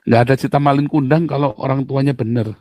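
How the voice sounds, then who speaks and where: A middle-aged man preaching a sermon to his church, animated and full of playful mock voices and sound effects. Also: fast talker, no echo. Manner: animated, jumps to high mocking tones and sound effects. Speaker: pastor.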